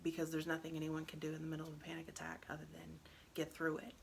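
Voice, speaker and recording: Low gravelly mom. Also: female voice, quick pace, a little hiss or hum. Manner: earnest, animated when retelling, drops to a hush when describing the panic. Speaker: parent sharing advice. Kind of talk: casual talk to camera.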